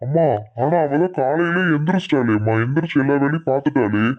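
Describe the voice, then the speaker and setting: A man playing a husband who fusses over his crying wife and tries to calm his mother in a comedy skit. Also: on the high side, fast talker, lightly acted. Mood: coaxing. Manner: fussing, coaxing. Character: doting husband caught between wife and mother. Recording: slightly muffled recording.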